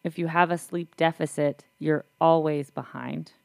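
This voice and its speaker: A woman's voice: sits low, fairly even intonation, moderate pace, gravelly, darkish tone, clean tone, no room sound, studio quality. A young woman co-hosting a casual parenting chat, easygoing and affirming.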